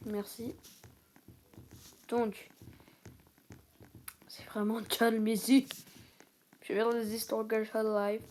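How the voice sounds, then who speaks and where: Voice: mid-range voice, level tone, takes it slowly, pauses often, a little mellow, slight background noise. A young person giving casual, rambling gameplay commentary in an exasperated, self-conscious way. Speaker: gaming video creator, player. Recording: music behind the voice.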